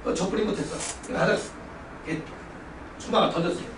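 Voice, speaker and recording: A male pastor giving a lively sermon lecture, exuberant and loud, often shouting and leading the congregation in call-and-response. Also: high-pitched, fast. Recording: roomy hall from far off, faint background noise.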